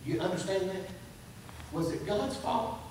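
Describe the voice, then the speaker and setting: Man, pastor, sermon, emphatic bursts, high voice, faint background hiss. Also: unhurried, a little mellow. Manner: conversational preaching with rising emphatic bursts. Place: church sanctuary. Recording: echoey, distant church recording.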